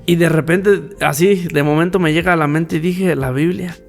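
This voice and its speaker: Guy on a church podcast, earnest, keeps repeating stuff, slightly high voice. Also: steady tone, moderate pace, creaky, faint music behind. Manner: earnest, repeats key phrases for emphasis. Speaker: podcast co-host. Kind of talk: casual faith testimony chat.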